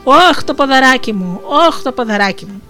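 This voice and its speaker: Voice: mid-range voice, a bit bright, soft background music, lightly acted. A storyteller voicing a sly, cunning female fox, wheedling and moaning theatrically, in an Asia Minor Greek dialect. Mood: crafty.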